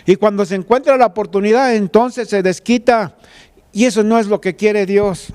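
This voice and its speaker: Male pastor, high smooth voice, conversational sermon delivery, talks right to the listener. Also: normal speed, a little mellow. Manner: preaches conversationally, retelling a scripture story with quoted pleas; addresses listener directly as "tú".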